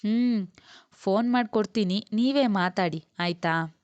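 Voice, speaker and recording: A woman's voice: medium pitch, unhurried, darkish tone, dry recording, dull audio, natural voice. A woman doing a soothing doting grandmother. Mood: coaxing. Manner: soothing, coaxing.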